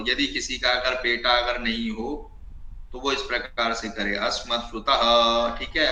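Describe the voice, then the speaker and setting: A man teaching an online class on ritual recitation, chanting Sanskrit formulas slowly and then explaining them. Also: mid-range voice, sharp tone, roomy sound, a little hiss or hum, low-quality recording.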